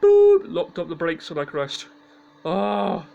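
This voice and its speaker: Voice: mid-range voice, animated, normal speed, phone-quality sound, music in the background, natural voice. A commentator voicing exasperated, unlucky racing drivers who exclaim and complain in a whiny, blokey way. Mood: annoyed outburst. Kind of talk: acted driver outbursts.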